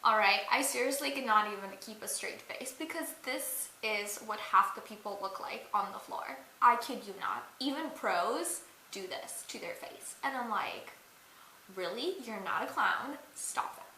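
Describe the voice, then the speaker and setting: A woman's voice: fairly high pitch, normal speed, sharp tone. A young woman vlogging a joking makeup tutorial in a chatty, giggly way, full of fillers. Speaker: beauty and dance vlogger. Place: indoors at a mirror. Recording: echoey room with faint hiss.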